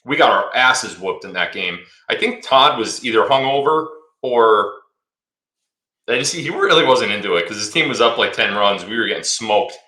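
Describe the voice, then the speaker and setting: A man's voice: lowish voice, expressive, moderate pace, bright, forceful tone, echoey room. A man in his thirties hosting a casual livestream Q&A, rambling and chatty, reading viewer comments aloud. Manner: chatty, rambling, repeats words. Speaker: livestream host.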